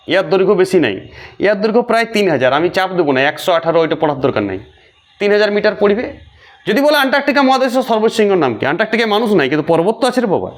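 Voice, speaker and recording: A man teaching a geography lesson for exam prep, repeating key names slowly and quizzing his viewers. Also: sits high.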